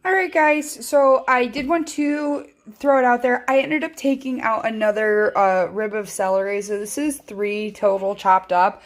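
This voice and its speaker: This home cooking host has a fairly high, steady voice and a measured pace. She gives a chatty, rambling kitchen tutorial full of ums, recorded on a handheld phone. She senses that her voice sounds off.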